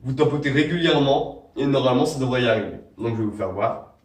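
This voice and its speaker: A young man hosting a vape tricks tutorial talks fast and expressively in a mid-range voice, despite having a cold. His casual how-to rambles along with frequent fillers and restarts, recorded from a distance in an echoey room.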